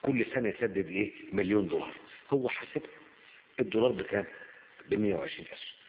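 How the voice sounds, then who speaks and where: A man's voice: lowish voice, quick pace. A man with an Egyptian accent explaining a story casually, asking and answering his own questions. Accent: Egyptian Arabic. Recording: tinny phone-like lo-fi with faint hiss.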